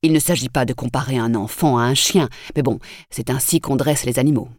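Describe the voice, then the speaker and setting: A woman reading the lines of a strict doctor father who lectures in a matter-of-fact way, with a low voice. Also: a little fast, darkish tone, no echo, clean studio sound. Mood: lecturing.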